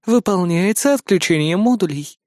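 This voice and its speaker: Brief: man doing a cold machine announcer, higher and clipped, dry read. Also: lively intonation, moderate pace, darkish tone, no room sound. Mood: alarm. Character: cool female computer system voice, announcing.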